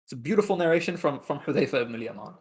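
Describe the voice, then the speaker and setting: A man giving a religious history lecture, retelling narrations in an animated way and acting out the quoted lines. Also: on the high side, racing.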